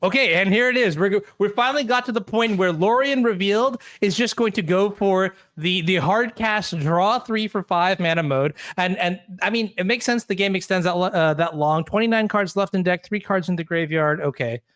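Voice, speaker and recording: A young man co-commentating a live card game match in a high voice. He gets excited and stumbles over restarts. The sound is dry and close, with no room echo. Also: moderate pace, hardly any pauses. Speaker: tournament co-commentator.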